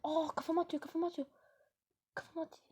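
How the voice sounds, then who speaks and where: A woman hosting her own gaming channel, giving excitable live gameplay commentary full of exclamations and quick frustration. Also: extremely high pitch.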